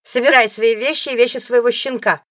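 A loud, brash young wife who yells and jeers, played by a woman reading an audiobook. Her voice jumps high and shrill with big swings. The sound is close and dry. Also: sing-song, extremely slow, husky, no room sound, full character voice. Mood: sneering. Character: brash, shrieking young wife, rude and bossy. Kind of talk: audiobook character voice.

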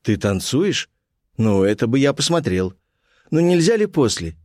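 An impatient, eager nineteenth-century officer, as voiced by a male reader, firing off short exclamations. His voice is mid-pitched and lively, rising and falling a lot. The sound is close and dry. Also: a little slow, dry recording.

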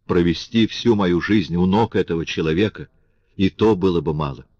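A man's voice: sits low, normal speed, a little mellow, no echo. A man reading an audiobook, voicing a passionate, grateful young man in a raised, exclaiming voice. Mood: fervent. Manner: impassioned, exclaiming, pleading. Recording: dull lo-fi audiobook recording.

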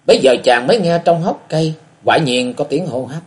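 A man's voice: fairly high pitch, animated, a little fast. A man narrating a martial-arts audiobook with dramatic storytelling.

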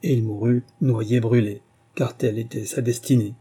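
A man narrating a classic tale in a measured, steady reading. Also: mid-range voice, husky. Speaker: audiobook narrator. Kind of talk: storybook narration.

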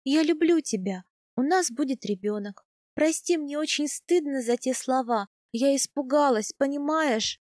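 A woman reading an audiobook, voicing a young noblewoman wife in a bright, lilting, teasing tone. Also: high-pitched, unhurried, no room sound, clean studio sound, voice pushed up. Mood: earnest.

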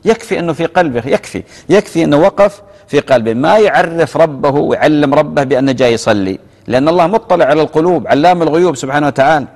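A man's voice: a little high, fast talker, big-room sound. A man, a religious scholar on live TV reading out viewers' questions and answering them, often repeating his key phrases. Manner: reads out callers' questions, then answers with gentle repetition. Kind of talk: live TV fatwa Q&A. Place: television studio.

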